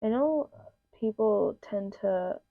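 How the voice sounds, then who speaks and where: Here a beauty vlogger, a young woman, walks through a makeup tutorial in a loose, filler-packed style, slightly nasal from allergies. She speaks slowly and expressively in a mid-range voice, and the home recording is dry and a bit muffled.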